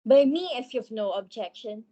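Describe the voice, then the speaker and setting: Woman playing a touchy, high-voiced actor. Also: animated, normal speed, mellow, no echo, dull audio. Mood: huffy, sardonic. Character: touchy, grumbling male stage actor. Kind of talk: dramatic stage-play reading.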